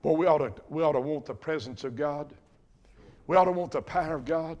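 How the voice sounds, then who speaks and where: An older pastor preaches with fervor, his voice sitting a little high for a man. He talks in a folksy way and doubles back on his own words. He swings between ringing emphasis and quiet, intimate asides. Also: fairly quick, highs cut off. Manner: fervent, emphatic preaching with swings from loud to hushed; folksy, repeats and restarts phrases. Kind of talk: sermon.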